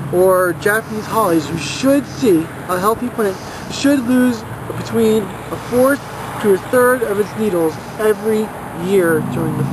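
A young man working at a plant nursery, explaining evergreen care outdoors in an unhurried, explanatory way. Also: sits high. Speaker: nursery worker. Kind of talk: outdoor product demo and tips. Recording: outdoor camera audio with clear background noise.

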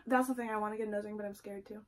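A woman's voice: medium pitch, fairly even intonation, rapid-fire. A young woman chatting casually and teasingly as co-host of a challenge vlog in a room at home. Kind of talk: casual chat. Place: small room at home, indoors.

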